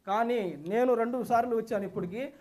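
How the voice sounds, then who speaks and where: A high-voiced man speaks quickly and eagerly, repeating his points for emphasis. He gives a testimonial to a class while standing in a hotel meeting hall. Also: darkish tone. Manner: enthusiastic, repetitive, emphatic. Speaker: seminar participant giving a testimonial.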